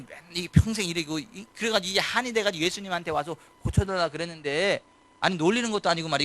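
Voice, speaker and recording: A man's voice: sits high, sharp tone. A man preaching as pastor at a late-night church service, questioning his congregation and pressing his points home. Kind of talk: sermon.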